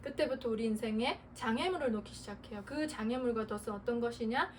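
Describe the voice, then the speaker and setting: High-voiced woman pastor preaching from afar. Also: fast talker. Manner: earnest preaching, laughing and acting out prayers. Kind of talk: sermon. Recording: distant mic with faint noise.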